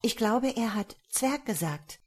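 A woman doing a loud, high little princess. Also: lively intonation, unhurried, slightly rough. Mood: curious. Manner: loud, indignant questioning. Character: young girl, duke's youngest daughter, outspoken.

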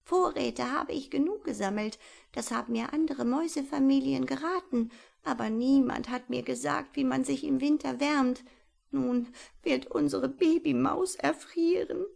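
A woman's voice: high voice, a little slow, vocal fry, few pauses, pitched above the performer's own voice, exaggerated voice. A woman doing a fretful little father mouse. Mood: worried. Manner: fretful, close to tears. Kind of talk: storybook reading.

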